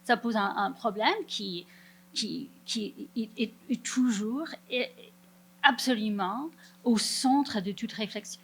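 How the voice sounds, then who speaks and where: A woman's voice: on the high side, slow pace, fairly bright tone, slightly rough. A woman lecturer replying to a question, restarting her sentences as she searches for words. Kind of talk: academic Q&A answer.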